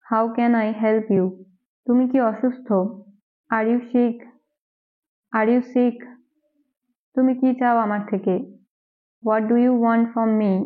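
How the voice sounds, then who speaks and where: A woman English teacher, a native Bengali speaker, reading daily phrases and repeating each one twice, very slowly. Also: on the high side. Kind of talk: slow drill reading of phrases. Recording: tinny phone-like recording.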